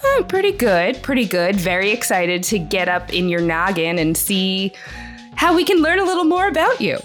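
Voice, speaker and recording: A woman's voice: medium pitch, big pitch swings, normal speed, a bit bright, soft background music. A woman co-hosting a casual podcast, upbeat and asking her partner questions. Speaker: co-host.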